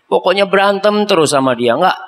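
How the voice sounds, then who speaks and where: A preacher acting out a fed-up complaining wife. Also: male voice, high voice, lively intonation, brisk, fairly bright tone, pitched above the performer's own voice. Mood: exasperated. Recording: long echoey hall reverb.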